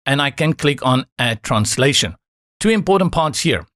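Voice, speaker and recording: A software tutorial host whose mother tongue is Afrikaans guides viewers click by click through a setup in a screen-recorded walkthrough. He talks at normal speed in an ordinary middle pitch, staying calm and instructive with reassuring asides. The recording is close, dry, and without room sound.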